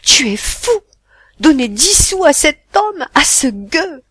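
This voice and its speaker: A harsh, quick-tempered mother, put on by a storybook reader, snapping out orders at a raised, forceful volume. The voice stays husky and a little higher than the narration, sharp and urgent in every line. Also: lively intonation, no room sound, clean studio sound, natural voice. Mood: scandalized. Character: harsh scolding mother, middle-aged woman, quick-tempered.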